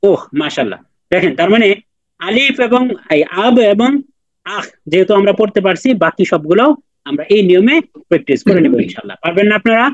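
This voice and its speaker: A man's voice: high-pitched, lively intonation, fast, no echo, dull audio. A man teaching Quran recitation in an online class, patiently repeating and drilling letter sounds with his students.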